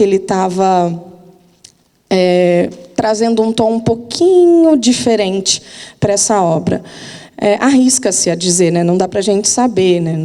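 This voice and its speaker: A woman's voice: medium pitch, warm tone, in a large hall. A literature teacher, giving a casual, chatty lesson and often asking her students if they are following. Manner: chatty, informal, asks listeners for agreement.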